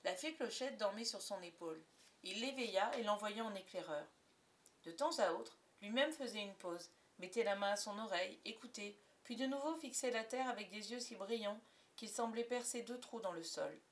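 A woman narrating a children's storybook aloud, expressive and dropping softer for suspense. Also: mid-range voice, normal speed. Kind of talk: audiobook narration of a children's classic.

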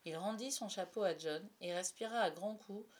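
A woman narrating a storybook aloud, with soft, confiding asides to the listener. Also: mid-range voice, moderate pace. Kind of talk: storybook reading.

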